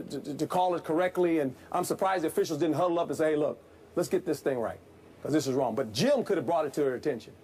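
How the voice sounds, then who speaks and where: A man, a former football coach, analyzing a game in a sports debate, folksy and animated, repeating himself. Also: on the high side, breathy edge.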